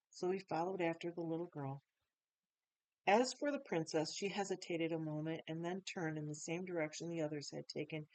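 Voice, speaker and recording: Brief: woman storyteller, fairly low voice, dry close sound, reads a children's chapter book and talks to her listeners. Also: no room sound, rough recording. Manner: warm, chatty asides to listeners. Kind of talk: reading a children's book aloud.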